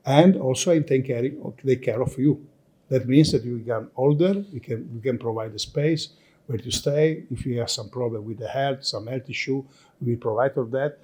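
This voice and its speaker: Lecturing at a conference, an Italian man with an Italian accent and Italian as his native tongue speaks English falteringly, restarting often and repeating words. His mid-range voice is warm and a bit rough.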